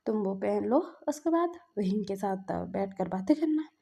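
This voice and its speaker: A woman voicing a gentle older brother who talks in a soft, hushed, reassuring way. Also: medium pitch, lively intonation, normal speed, breathy edge, pitched below the performer's own voice. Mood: soothing. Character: gentle, calm older brother comforting his sibling. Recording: dull lo-fi recording.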